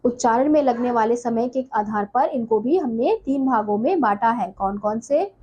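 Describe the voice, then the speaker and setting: Female grammar teacher, self-questioning classroom delivery, slightly husky, dark tone. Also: a little high, animated, lo-fi sound. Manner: asks and answers her own questions, slow and deliberate. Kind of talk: classroom lesson explaining.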